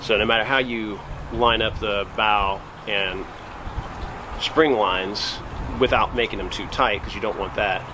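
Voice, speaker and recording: Man explaining casually over clear background noise. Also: lowish voice, steady tone, a little slow. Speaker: liveaboard sailor, vlog host. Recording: noisy boat recording with windy ambience.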